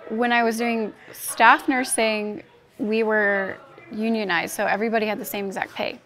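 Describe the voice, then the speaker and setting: A woman in her twenties, a former nurse now studying, chatting in a relaxed, conversational way. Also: a little high, moderate pace, a little hiss or hum. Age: 20s. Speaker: former nurse, physician assistant student. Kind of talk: casual panel chat. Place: indoor cafe.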